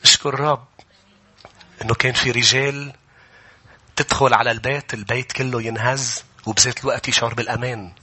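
Male pastor, forceful, driving preaching that swells into shouts. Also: mid-range voice, little pitch movement, fast talker, slightly rough. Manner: impassioned preaching, often rising to shouts. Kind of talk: sermon.

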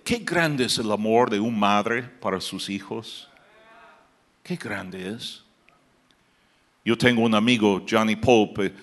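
A pastor preaching a sermon, building to loud emphatic passages and dropping to quiet asides. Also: male voice, medium pitch.

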